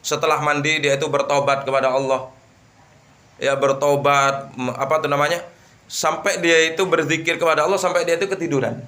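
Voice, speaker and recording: A man teaching an Islamic book study, telling a moral story with lively rhetorical questions. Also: fairly high pitch, fairly quick. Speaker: religious teacher.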